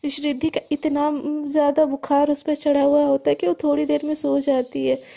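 A woman's voice: high-pitched, monotone, normal speed, gravelly, mellow. A woman telling a serialized love story in a conversational, intimate way.

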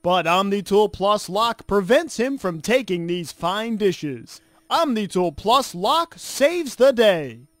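A man's voice: high-pitched, sing-song, a bit bright, dry recording, exaggerated voice. A man playing an enthusiastic, earnest infomercial announcer in a parody ad, stretching key phrases for emphasis. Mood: upbeat selling. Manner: salesy, drawn-out emphatic phrase endings.

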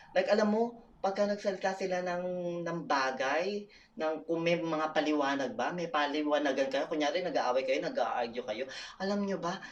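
A woman's voice: deep voice, recorded from a distance, a little hiss or hum. A woman from the Philippines with a Filipino accent, chatting casually to her viewers, laughing often and calling out to them. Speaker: vlogger. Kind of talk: casual vlog chat.

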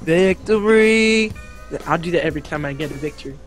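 Excitable high-voiced young gamer guy. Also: racing, faint music behind. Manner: excitable, shouting and goofing around. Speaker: gaming video host. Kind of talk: casual gameplay commentary.

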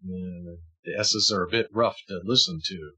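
A man calmly explaining an audio plugin tutorial over a webcam mic in a room at home, his s sounds harsh and hissy. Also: low-pitched, moderate pace, husky. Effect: harsh hissy s sounds, no de-esser. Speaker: software demonstrator. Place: room in a house.

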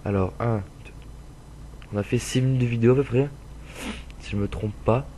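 A young man with a stuffy nose casually commentating a truck-driving game, rambling with lots of fillers and swearing, with loud bursts of frustration at other drivers. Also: mid-range voice, steady tone, moderate pace, slight background noise. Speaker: gameplay commentator. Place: home room with a dog playing nearby.

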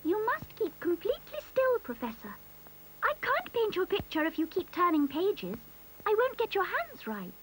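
A cheerful young strawberry artist in a children's cartoon, brisk and friendly. Her voice is very high and swoops a lot as she talks. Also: huge pitch swings, a little hiss or hum, exaggerated voice, low-quality recording. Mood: firm.

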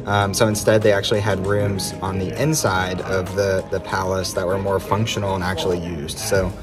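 A man in his thirties talks to a phone held out at arm's length in a grand palace room, recapping the day for a travel vlog. His voice sits a little low and relaxed, full of ums and loose asides. A music bed runs clearly under the phone audio. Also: normal speed. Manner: chatty, many ums, relaxed recounting. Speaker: travel vlogger. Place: inside an ornate palace room, later outdoors in snow. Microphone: phone held at arm's length, selfie framing.

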